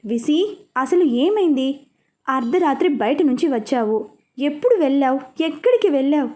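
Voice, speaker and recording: A woman's voice: high voice, very animated, moderate pace, a little mellow. A woman voicing a worried middle-aged mother asking her daughter anxious questions.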